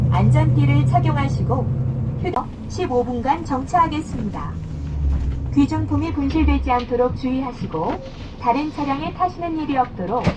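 Woman, formal bus loudspeaker safety announcement, measured and polite, faint and far off with heavy engine noise. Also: high voice. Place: inside a moving intercity bus. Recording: distant speaker with loud road noise. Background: engine and road noise.

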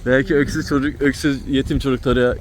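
A man's voice: medium pitch, little pitch movement, fast talker. A man chatting casually in a family vlog, explaining things as he goes, outdoors in town. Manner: explaining, talkative. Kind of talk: casual conversation.

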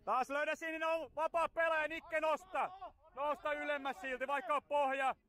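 High-pitched, bright-voiced man shouting from the sidelines. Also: flat delivery. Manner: loud, rapid encouragement and instructions. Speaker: youth football coach. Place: outdoor football pitch.

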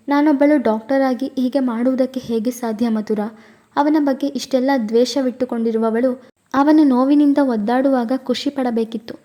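A woman's voice: high voice, warm tone, close to an everyday voice. A woman voicing a torn, tearful young woman doctor who pours out her anguish in an audio story.

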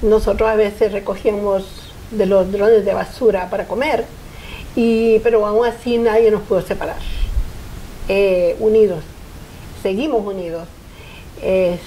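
An older Honduran woman, founder of a foundation, sits as a guest in a TV studio for a personal interview. Her mid-range voice is steady, dark-toned and normally paced, and she speaks earnestly in short, reflective phrases. The low-quality recording carries a little hiss or hum.

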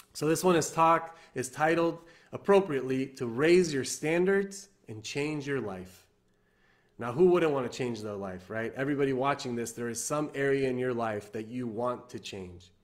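A man in his thirties from Iran gives an earnest motivational talk to a webcam or laptop camera at his desk in the living room. His medium-pitched voice keeps a moderate pace, and he repeats himself, restarts often and uses many fillers.

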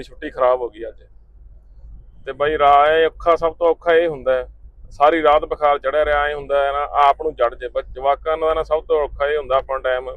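A man's voice: mid-range voice, no echo, narrow, tinny audio. A man, chatting casually to his viewers in a travel vlog. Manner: chatty, addresses viewers as friends. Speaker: vlogger. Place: in a car and around town.

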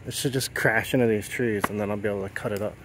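A man's voice: lowish voice, steady tone, fast talker, noisy background. A middle-aged man talking casually while filming himself outdoors, explaining his work as he goes. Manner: plainspoken, thinks aloud while explaining work. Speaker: off-grid homesteader and sailor. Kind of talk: casual outdoor vlog narration. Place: outdoors in woods and at a marina. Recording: music playing under the voice.

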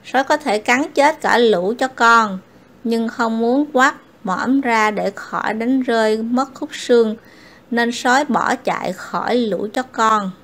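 A woman reads children's fables aloud, her slightly high voice carrying a gravelly edge. She tells the stories plainly, giving the animals only a light touch of character. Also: takes it slowly, a bit bright. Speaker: storyteller.

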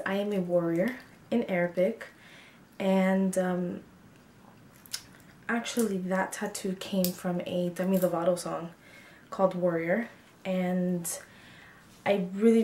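A twenty-two-year-old beauty vlogger chats frankly to camera about herself in a casual get-to-know-me video, full of ums and likes. Her voice is fairly low and mellow, recorded indoors in a small bedroom with echo and a little hiss or hum.

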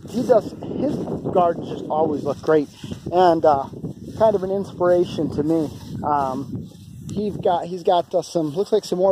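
A man's voice: sits high, mellow, a little hiss or hum. A man in his forties, recorded on a handheld camera at arm's length outdoors on a farm, talking casually and rambling with many fillers as he gives an enthusiastic walking tour. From upstate New York. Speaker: homestead vlogger.

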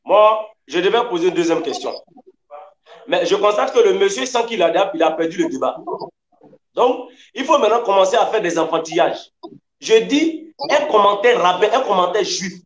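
A man with a high voice argues over a video call, lecturing and insistent. He presses his points again and again. His sound carries a noticeable room echo. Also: expressive, normal speed. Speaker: debater. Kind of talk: heated online debate.

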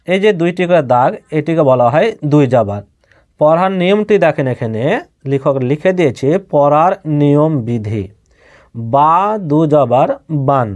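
A man teaching Quran letter reading in a slow step-by-step lesson, patiently repeating each syllable for learners to follow. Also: fairly high pitch, darkish tone. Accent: Bangladeshi Bengali.

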